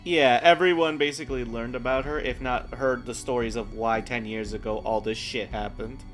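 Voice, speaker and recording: A man's voice: medium pitch, steady tone, normal speed, a bit bright, faint music behind. A man running a tabletop game, improvising narration of scenes as game master.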